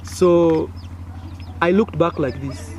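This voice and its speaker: Outdoors, with faint village noise behind him, a young Kenyan man whose first language is Swahili tells a story to camera. His voice is a little high and he takes it slowly. He is a content creator, chatty and animated, acting out sounds and gestures and using plenty of fillers.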